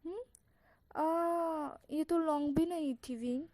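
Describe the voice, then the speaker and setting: A woman's voice: sits high, slow, warm tone, no room sound, pitched above the performer's own voice. A woman voicing a young man who is a teasing, affectionate lover in a fan fiction reading.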